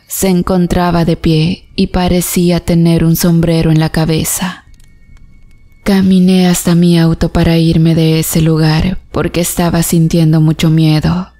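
A woman narrating a first-person horror story in a slow, even, somber way. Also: fairly low pitch. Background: faint background music.

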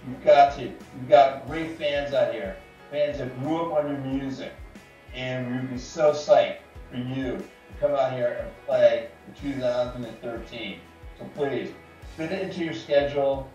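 A man's voice: medium pitch, fairly even intonation, a little slow, warm tone, faint music behind. A man from New York eagerly pleading in a casual webcam message. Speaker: fan sending a video message. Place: room indoors. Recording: distant, roomy, dull webcam audio.

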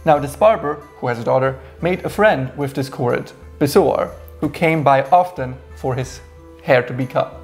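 Male co-host, 30s, sarcastic review chat, some vocal fry. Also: mid-range voice, normal speed, soft background music. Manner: wry, sarcastic storytelling. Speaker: co-host reviewing a game adventure. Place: small indoor room with shelves.

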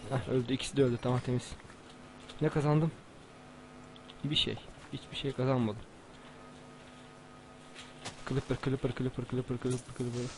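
A man giving casual, excitable commentary while playing a video game, swearing and shouting at enemies. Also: mid-range voice, moderate pace, long pauses. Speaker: gamer. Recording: noisy home recording.

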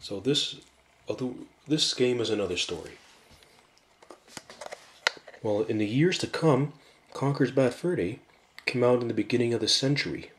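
A man giving a casual video game review in a hushed voice, rambling and often restarting his sentences. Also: medium pitch, moderate pace, a little hiss or hum. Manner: hushed, keeping voice down.

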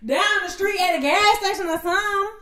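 A young woman co-hosting a casual podcast, blunt and profane, reacting loudly to her friend's stories. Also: very high-pitched, brisk. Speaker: podcast co-host. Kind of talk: casual chat.

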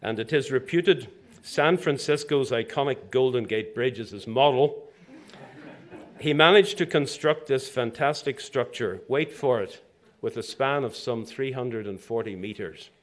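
An older man from Zambia giving a formal inaugural address as president of a professional institution, speaking from a lectern in a lecture hall with measured delivery and dry asides. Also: mid-range voice. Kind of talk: formal prepared speech.

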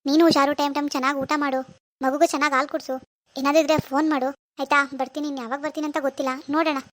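Woman voicing a brisk, caring mother-in-law. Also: sits high, little pitch movement, fairly bright tone, no echo. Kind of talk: animated village family drama.

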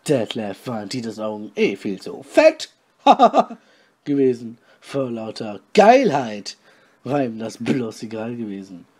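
A man reading a story aloud with deadpan, mocking asides. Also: medium pitch, unhurried. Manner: deadpan, mocking, comments on his own reading. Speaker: podcast host reading his story aloud.

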